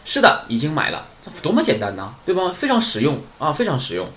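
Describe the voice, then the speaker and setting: A man's voice: on the high side, wildly swooping pitch, fast talker, a bit bright, a little hiss or hum. A man teaching beginner Japanese in a casual, chatty online lesson, often asking "right?".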